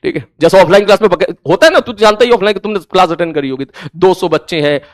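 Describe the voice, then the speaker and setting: High-pitched guy lecturing his online class, blunt and stern, dry close mic. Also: lively intonation, fast talker, no echo. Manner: stern, blunt, repeats himself for emphasis. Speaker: online physics teacher.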